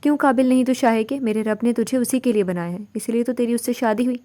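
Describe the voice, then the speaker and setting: A woman reading the part of an elderly mother-in-law, speaking in a gentle, coaxing way. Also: fairly high pitch, close to an everyday voice. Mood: pleading.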